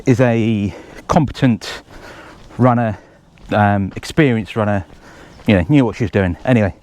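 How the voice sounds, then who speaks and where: A man's voice: on the low side, moderate pace, darkish tone. Breathless man chatting on a trail run. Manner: chatty and rambling, jokey asides. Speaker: race organiser previewing a trail course. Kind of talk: casual running commentary. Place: outdoors on a forest trail.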